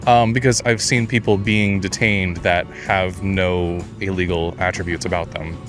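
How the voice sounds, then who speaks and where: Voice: sits low, fairly even intonation, normal speed, a bit bright, soft background music. A speaker answering a street interviewer in an earnest, serious way.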